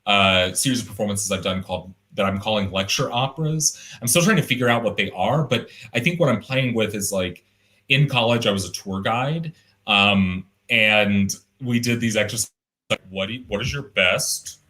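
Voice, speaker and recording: Speaking at a moderate pace, a young man who is an artist guest rambles thoughtfully through a casual conversational interview on a video call, often restarting sentences and leaning on fillers. His voice is deep and resonant, slightly low, with a bright, forward quality.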